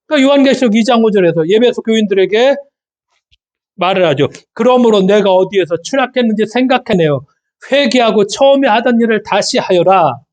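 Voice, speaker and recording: A man's voice: high-pitched, a little mellow. A male pastor preaching a Sunday sermon in a conversational, questioning way, often repeating phrases for emphasis.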